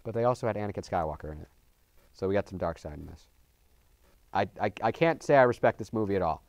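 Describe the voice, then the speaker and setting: Quick-talking guy riffing on movies to the folks at home, dry close sound. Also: fairly low pitch, creaky, no echo. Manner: animated, jokey, talks to viewers as folks. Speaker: film show co-host. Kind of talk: casual movie review chat.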